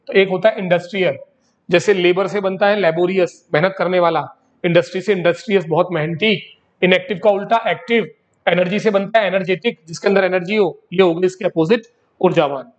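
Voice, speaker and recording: High-voiced man teaching vocabulary. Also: a little fast. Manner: addresses students as beta, repeats words in drills. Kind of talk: classroom vocabulary lesson. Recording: dull lo-fi recording.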